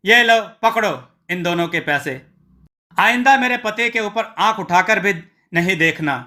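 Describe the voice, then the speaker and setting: A bright, piercing village wife nags and scolds in an exasperated, shrill way, as a man puts her on. Her voice sits high, and her tongue is sharp. This is a storybook tale voice. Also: measured pace. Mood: defiant.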